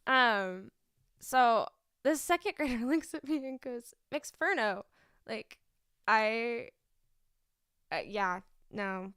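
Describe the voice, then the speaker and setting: A woman's voice: on the high side, animated, takes it slowly, long pauses, a bit bright, smooth, no room sound, studio quality. A young woman, a student teacher streaming, telling funny classroom stories in casual chat with lots of fillers and laughter. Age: young adult. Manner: chatty storyteller, laughing often, lots of fillers.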